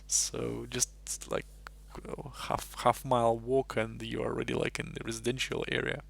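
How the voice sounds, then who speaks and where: A Russian-born man talks in a heavily gravelly, fry-laden voice. He chats on a live stream in a loose, rambling way, thinking aloud over chess puzzles into a desk mic. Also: medium pitch, completely flat delivery, normal speed, fairly bright tone. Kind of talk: casual live-stream chat.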